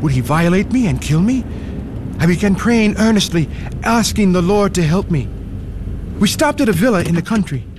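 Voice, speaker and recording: A man's voice: high voice, very animated, moderate pace, darkish tone, slight background noise. A man from Ethiopia narrating his own story in an earnest first-person radio drama. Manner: earnest, pleading when frightened. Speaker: narrator and lead character.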